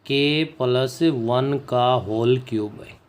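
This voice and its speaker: A man teaching a maths lesson, working through a proof step by step and often checking in with his students. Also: medium pitch. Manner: slow and deliberate, dictates English phrases word by word, checks in with students. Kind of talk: board-work maths lesson.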